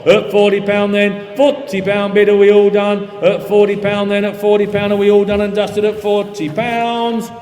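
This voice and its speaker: A man working as an auctioneer, calling live bids in a rapid, repetitive patter. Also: high-pitched, completely flat delivery, a little mellow. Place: large reverberant auction room. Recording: echoey hall PA, music behind.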